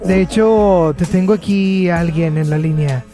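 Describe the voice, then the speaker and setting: A woman hosting a radio show, bantering and teasing callers with playful, loud bursts of enthusiasm. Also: on the low side, moderate pace, faint music behind. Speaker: radio host.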